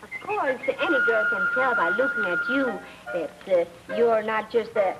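A woman's voice: a little high, wildly swooping pitch, moderate pace, rough recording. An actress playing a coy, curious young woman who asks playful, teasing questions. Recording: 1940s film soundtrack with music.

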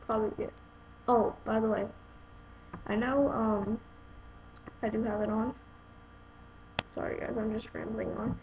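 Speaking at a measured pace with long pauses, a young adult woman uses a slightly high voice with little pitch movement. She vlogs a casual phone case unboxing review, rambling and exasperated toward her viewers, in a noisy, dull lo-fi home video.

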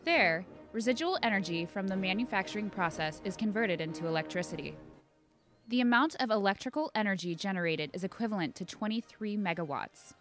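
A woman's voice: mid-range voice, expressive, fairly quick, a bit bright, faint music behind. A woman reading a scripted promotional narration as an infomercial narrator.

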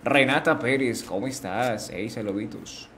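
A man's voice: medium pitch, unhurried, fairly bright tone, slight background noise. A man streaming a game live, chatting casually. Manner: chatty, greets chat, slangy.

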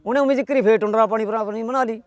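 A male storyteller races through a folk tale in a high, steady voice, rustic and chatty, attaching "he said, she said" to every line of dialogue. The recording is dry.

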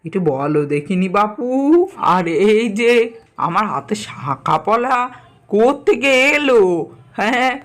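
Cracked-voiced confused old granny. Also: female voice, medium pitch, lively intonation, measured pace, fairly bright tone. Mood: bewildered. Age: older. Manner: cracked old-woman voice, rustic drawl. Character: old grandmother who believes she is a young unmarried girl.

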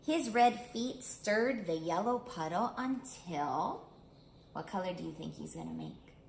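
Reading a picture book to young children, this middle-aged woman speaks slowly in a lowish, expressive voice with a darkish tone. She teaches at a children's art studio and uses plain, clear wording, stopping to ask her listeners questions. The recording carries a roomy echo from the small indoor space, plus clear background noise.

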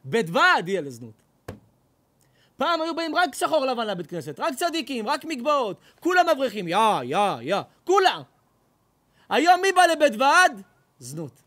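A male rabbi telling stories in an animated sermon, in a high voice that leaps all over. He talks with lively energy and often exclaims as he tells each tale. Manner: lively, laughing, exclaiming storyteller. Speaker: rabbi giving a talk.

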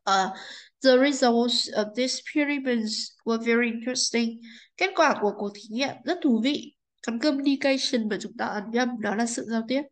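A woman's voice: fairly high pitch, normal speed, poor audio. A woman English teacher explaining a textbook lesson, politely checking understanding with frequent tag questions.

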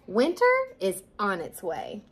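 A woman's voice: medium pitch, wildly swooping pitch, slow, breathy edge, full character voice. A woman voicing a busy skunk eager to spread news in a storybook read-aloud, calling out eagerly.

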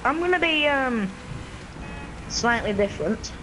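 A man's voice: extremely high pitch, animated, a little slow, over music, rough recording. A man hosting a gaming channel, chatting casually through gameplay with the hiccups and rambling a little. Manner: chatty, rambling, slightly scattered. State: has the hiccups.

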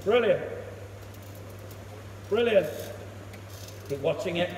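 A man coaching cricket in a big indoor net hall, his high voice picked up from across the room. He gives brisk instructions and quick praise. The hall rings with a long echo, and loud noise sits under everything. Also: lively intonation, distant mic. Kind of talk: one-to-one coaching session. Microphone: camera across the net, far off.

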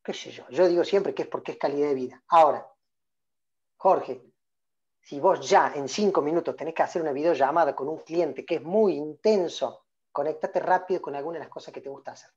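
A man's voice: fairly high pitch, brisk, highs cut off. Rioplatense man coaching over video call. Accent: Rioplatense Spanish. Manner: engaging, calls on listeners by name, many questions. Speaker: public speaking trainer. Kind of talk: interactive online workshop talk.

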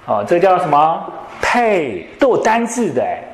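A male English teacher, lecturing a classroom and quizzing students with quick questions. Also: high-pitched, huge pitch swings. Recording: echoey classroom.

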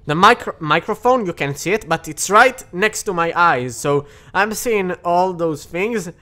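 A man hosting a horror game let's play on a desk mic with a pop filter, excitable, yelping and shouting at scares between jokey asides. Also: high voice, measured pace. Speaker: gaming channel host.

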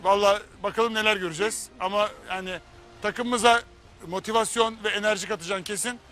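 A man's voice: high voice, steady tone, fairly quick, bright, forceful tone. A man hosting a reality competition show, welcoming a contestant in an upbeat, announcing manner. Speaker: show host.

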